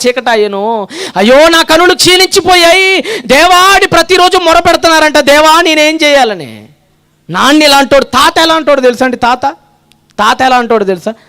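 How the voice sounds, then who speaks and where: A man preaching a sermon, with a dramatic delivery that acts out quotes, rising to shouts and dropping low. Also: clear, resonant tone.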